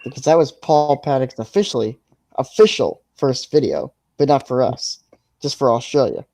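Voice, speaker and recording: A man co-hosting a casual fan podcast, talking in an excitable, playful, jokey way. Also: medium pitch, moderate pace, dry recording. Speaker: podcast co-host.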